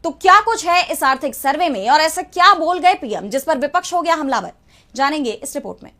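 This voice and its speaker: High-pitched woman news anchor. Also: lively intonation, fairly quick, pushed and bright. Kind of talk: scripted news presentation.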